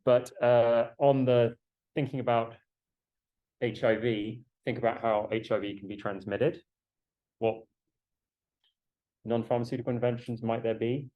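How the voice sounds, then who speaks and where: A man lecturing to a class through a face mask while he has a cold, explaining in a halting way and putting questions to students. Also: medium pitch, fairly even intonation, muffled recording.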